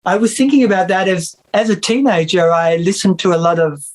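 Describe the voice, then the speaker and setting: This is a casual interview chat over a video call with a middle-aged Australian man from Victoria, a musician and music teacher appearing as a guest. His voice is a little higher than typical for a man, and he rambles in a relaxed way, pausing on "uh" and restarting sentences as he goes. The recording is rough.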